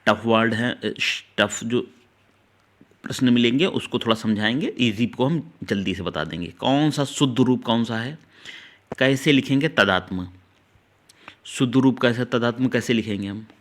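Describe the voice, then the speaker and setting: A male teacher taking students through an exam-prep grammar lesson, explaining each answer step by step and slowly repeating key words. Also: medium pitch. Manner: talks directly to students, urging them to note things down.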